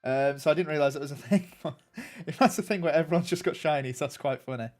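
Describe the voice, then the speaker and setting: Faint music plays behind this young man as he answers viewers on his game stream. His nasal voice is a bit high and a touch mellow, and he speaks quickly in a rambling, chatty way with lots of ums and false starts.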